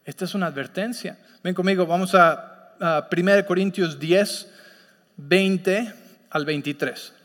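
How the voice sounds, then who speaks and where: Pastor, man, high voice, teaching sermon in a big echoing church hall, keeps asking if listeners follow. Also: a little slow, fairly bright tone. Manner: teaching, checks in with listeners often. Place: church sanctuary.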